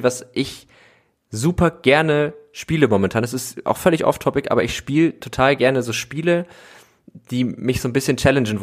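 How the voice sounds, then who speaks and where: A man hosting a podcast, chatting casually and thinking aloud as he talks. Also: mid-range voice. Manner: relaxed, thinking aloud with fillers and restarts. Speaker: podcast host. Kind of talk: casual conversational interview.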